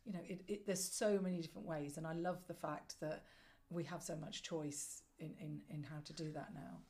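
Woman, middle-aged, lower pitch, conversational interview guest, reflective, measured emphatic phrasing. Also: steady tone, dark tone. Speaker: podcast guest, storyteller and former broadcast journalist.

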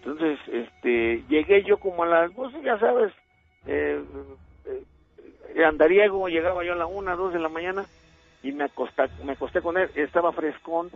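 Heard on a tinny phone line with music, a radio caller, a middle-aged man with a Mexican accent, speaks at a moderate pace in a slightly high voice. His ghost story comes out rambling and hesitant.

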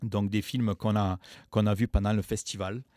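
Guy co-hosting a radio show, kinda low voice, dry studio sound, just chatting away about a movie. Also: moderate pace, dry recording. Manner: relaxed, chatty retelling of a film. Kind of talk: casual radio chat.

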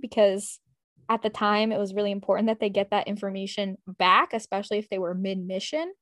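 A woman's voice: fairly high pitch, no room sound, studio quality. A woman co-hosting a casual history podcast, chatty and jokey, with frequent "like" fillers. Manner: chatty, jokey, uses "like" often. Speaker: podcast co-host.

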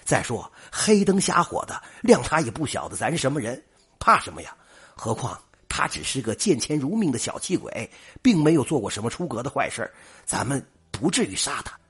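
A man doing a quick-talking, level-headed robber. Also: mid-range voice, big pitch swings, fairly bright tone, breathy edge, full character voice. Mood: persuasive. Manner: quick, reasoning. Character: calm-headed male robber, pragmatic.

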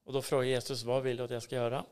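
A man with a Swedish accent and a clean, level, medium-pitched voice describes his faith experience as a casual interview guest. His earnestness shows as he drifts into whispers and then breaks out emphatically.

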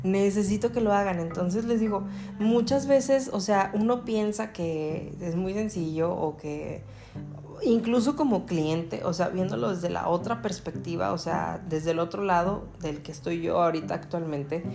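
A woman's voice: fairly low pitch, unhurried, gravelly, music in the background. A woman with a Mexican Spanish accent who runs a print shop, telling stories about her customers in a chatty way, full of fillers. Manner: chatty, many fillers, animated retellings. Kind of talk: casual storytelling.

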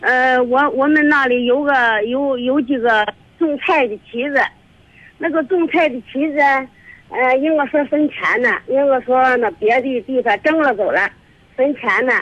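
An older woman calling a radio show, halting and repetitive. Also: sits high, fairly bright tone, dry recording, muffled recording. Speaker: caller. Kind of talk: phoned-in radio chat.

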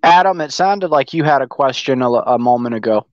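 A man's voice: mid-range voice, animated, brisk, no room sound. A man in a casual call-in debate, putting pointed probing questions. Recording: dull, dry lo-fi call audio.

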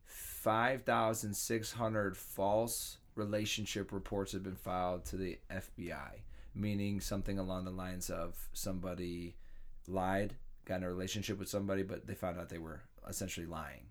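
A man's voice: low-pitched, flat delivery, normal speed. A man co-hosting a casual podcast chat, laid-back, stumbling over words and calling people "dude".

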